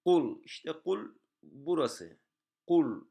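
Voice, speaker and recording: A man's voice: mid-range voice, a little slow, a bit bright. A man teaching a beginner's Quran reading lesson, patiently explaining each rule and repeating every syllable several times.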